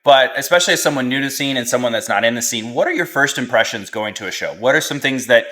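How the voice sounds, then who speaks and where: Man, podcast host, mid pitch, easygoing, open questions, casual. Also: animated, fast talker, bright, forceful tone.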